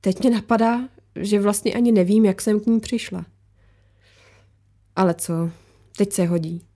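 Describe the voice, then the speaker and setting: A woman's voice: mid-range voice, steady tone, dark tone, close to an everyday voice. A woman voicing a tense, guarded war photographer who snaps back defensively. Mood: defiant. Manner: defensive, snapping, agitated.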